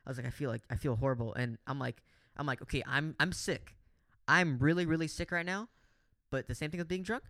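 A man's voice: a little high, a little fast, no room sound, studio quality. A young man co-hosting a podcast, telling a story in casual chat with lots of swearing and acted-out quotes of himself. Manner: animated, swears a lot, acts out his own lines. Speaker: podcast co-host.

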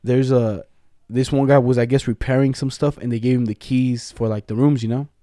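A man's voice: mid-range voice, fairly quick, no echo, studio quality. Young man telling stories in loose slang. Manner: animated retelling with acted-out quotes, heavy slang. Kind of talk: casual slangy banter and storytelling.

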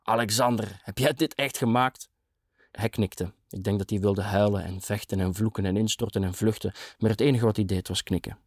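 A man's voice: lowish voice, little pitch movement, brisk, warm tone, breathy edge, no room sound, studio quality. A middle-aged man narrating a first-person novel in a dramatic, sardonic tone.

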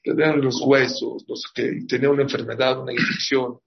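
A rabbi delivers a storytelling sermon, animatedly acting out the dialogue in his tales. His medium-pitched voice is level, creaky, and fast. The recording is dull and lo-fi.

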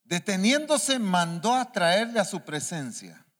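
Male apostle-preacher, high-ish and very animated, questioning his flock; reverberant church hall. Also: measured pace. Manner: animated, asks the congregation many questions. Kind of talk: sermon.

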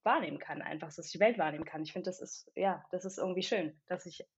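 Woman from Berlin, podcast guest; thoughtful, halting delivery full of fillers, muffled lo-fi recording. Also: on the low side, breathy edge. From Berlin, Germany. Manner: thoughtful, hesitant, many filler pauses. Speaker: podcast guest, company founder. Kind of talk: casual interview chat.

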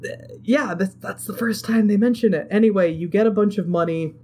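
Animated swearing woman recapping a game. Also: medium pitch, brisk. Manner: animated, swears freely, acts out characters' lines. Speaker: podcast co-host recapping a game. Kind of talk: casual chat.

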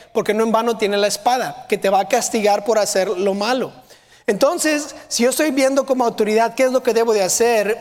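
A man preaching a sermon, asking the audience questions and sometimes shouting as he acts out a drill sergeant. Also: very high voice. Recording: long hall reverb.

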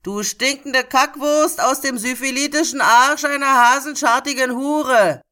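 A man reading a book excerpt and voicing a foul-mouthed male court jester who hurls shrill, mocking insults. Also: a little slow, sharp tone, exaggerated voice. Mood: jeering.

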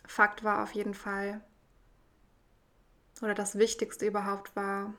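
A woman telling a personal story in a reflective, measured way, with frequent pauses. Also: mid-range voice, a bit bright.

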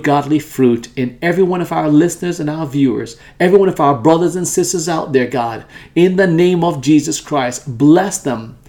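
Man co-host leading fervent prayer, mellow warm tone. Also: fairly high pitch. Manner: fervent, repeating "God" and "Lord". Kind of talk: prayer and preaching.

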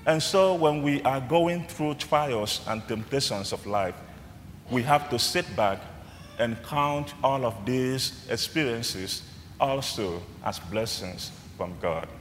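Male priest giving a slow sermon in a big church, cathedral echo hanging on every phrase. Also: mid-range voice, slight background noise. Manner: measured, phrase-by-phrase preaching. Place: large church. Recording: long church reverb, faint room ambience.

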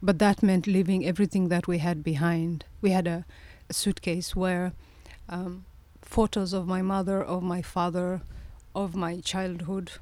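A woman in her forties from Somalia, a guest on an interview podcast, telling her life story in a reflective way, often restarting her sentences and laughing softly. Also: lowish voice, flat delivery, a little slow, few pauses, no echo. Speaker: guest, presidential candidate.

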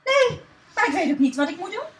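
A woman's voice: extremely high pitch, sing-song, fairly quick, pitched above the performer's own voice. A curious young village girl, by a woman. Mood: defensive.

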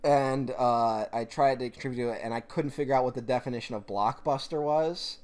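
A man co-hosting a casual podcast, talking in animated, swearing rants. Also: medium pitch, brisk. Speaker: podcast co-host. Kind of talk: casual chat.

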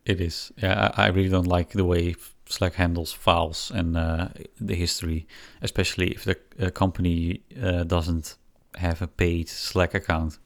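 Super deep voiced dude on a podcast, lots of restarts, laughs a lot. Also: male voice, level tone, normal speed, vocal fry, few pauses. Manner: hesitant, many restarts and fillers, laughs often. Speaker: podcast co-host. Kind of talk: casual chat.

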